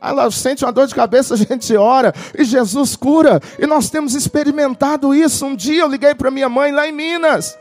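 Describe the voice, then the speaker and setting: A man preaching a sermon as pastor, moving between intimate storytelling and loud shouted declarations. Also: very high voice, a little fast, few pauses, faint music behind. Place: church tent.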